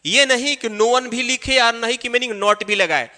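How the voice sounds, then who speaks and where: A man teaching an English grammar lesson, explaining each step and repeating key phrases slowly. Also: very high voice, sharp tone. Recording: long hall reverb.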